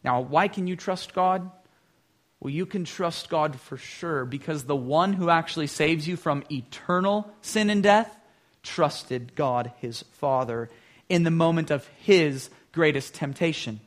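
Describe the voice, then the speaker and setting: Preaching man who slows for scripture. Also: fairly high pitch. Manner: repeats words when starting thoughts. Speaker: pastor. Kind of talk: sermon.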